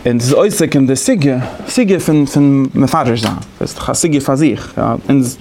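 A man's voice: mid-range voice, moderate pace, a little mellow, a little hiss or hum. A man giving a lecture, explaining conversationally and thinking aloud as he goes. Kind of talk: lecture on interpretation methods.

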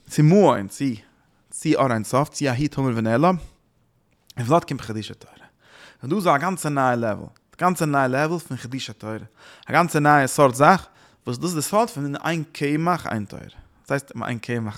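A man giving a Torah lecture with an animated, chant-like delivery, repeating words and breaking into sudden loud bursts. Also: medium pitch. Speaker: Torah teacher. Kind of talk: Yiddish-inflected Torah lecture.

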